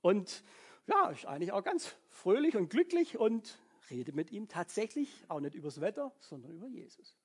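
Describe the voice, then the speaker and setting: A man's voice: high voice, big pitch swings, normal speed, a little mellow, husky. A man preaching a sermon in a conversational way, often checking in with "ja?" and acting out people's thoughts. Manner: conversational, frequent "ja?" tag questions; acts out people's inner thoughts.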